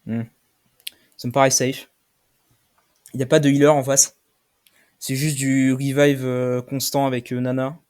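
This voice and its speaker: A man's voice: medium pitch, level tone, a little slow, pauses often. Swearing French-speaking gamer man. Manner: swears often, shouts in frustration at losses. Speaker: gaming streamer. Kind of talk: live game commentary.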